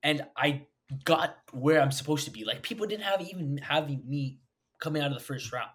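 A man's voice: on the high side, expressive, fairly quick, a bit bright. Young man, co-host, casual sports chat, rambling, filler-heavy, boastful. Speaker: podcast co-host.

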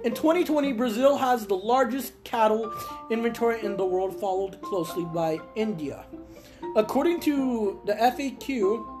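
A woman's voice: a little high, normal speed. A woman co-hosting a casual rant podcast, laughing often and repeating herself. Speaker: podcast co-host. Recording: music playing behind.

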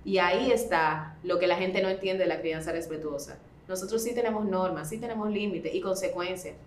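A woman speaking as a parenting expert guest, explaining in a conversational way and acting out gentle talks with a child. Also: on the low side, brisk, a little hiss or hum. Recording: roomy echo.

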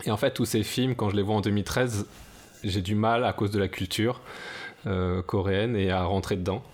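A man's voice: fairly low pitch, fairly even intonation, normal speed. A man talking casually on a podcast, thoughtful and hesitant with many fillers. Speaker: podcast co-host. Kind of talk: casual discussion.

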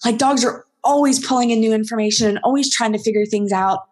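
A woman's voice: a little high, fast talker, breathy edge. Chatty woman dog trainer. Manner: chatty, rambling with many ums and restarts. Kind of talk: casual interview chat.

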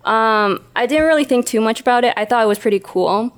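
Woman, smooth clear voice, reflective, hesitant storytelling. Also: a little high, brisk. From Hong Kong. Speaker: podcast co-host. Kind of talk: casual podcast storytelling.

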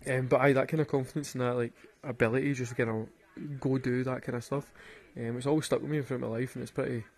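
Casual storytelling from a Glaswegian man: medium pitch, a darkish tone, and little pitch movement, delivered fast. He rambles on, curses, and cracks up at his own jokes, showing he's from Glasgow, Scotland.

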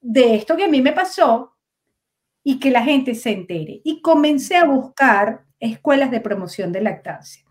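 A woman with a Venezuelan accent telling her breastfeeding story in an interview, animated and laughing often, acting out the dialogue she quotes. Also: high voice, a little slow. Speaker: guest, breastfeeding promoter.

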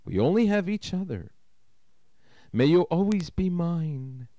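A man's voice: fairly high pitch, very animated, a little slow, mellow, no echo, pitched above the performer's own voice. A man voicing an anxious, loving mother who speaks with tender, tearful urgency as she parts from her young son. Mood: tender pleading.

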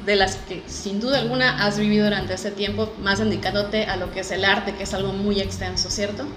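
A woman's voice: medium pitch, fairly even intonation, brisk, echoey room, music in the background, low-quality recording. A woman with a Mexican accent, presenting and interviewing as a chatty, emphatic podcast host.

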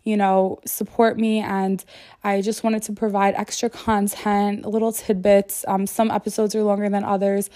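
A woman hosts a solo podcast in a warm, medium-pitched voice with a flat delivery at normal speed, recorded at studio quality with no room sound. She sounds casual, earnest and conversational, sprinkling in "like" and "you know," and her voice hasn't fully recovered from being sick.

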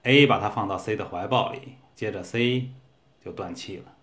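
A man narrating a humorous short story in a steady, measured reading. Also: fairly low pitch.

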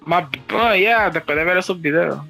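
A man's voice: high-pitched, moderate pace, creaky, sharp tone, faint music behind. A man chatting casually about video games, constantly mixing English phrases into his Spanish and swearing freely.

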